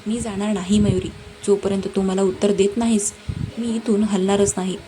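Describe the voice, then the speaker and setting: A woman's voice: medium pitch, level tone, normal speed, lightly acted. A woman voicing an angry, stubborn young man who demands answers, over a noisy background.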